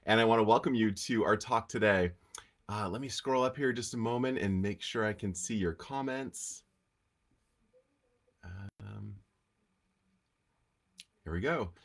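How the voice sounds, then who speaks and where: A man's voice: fairly low pitch, unhurried, long pauses. Congested, nasal man hosting a livestream. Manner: relaxed, chatty, with frequent fillers. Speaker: host of a weekly live talk on healing. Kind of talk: casual livestream talk.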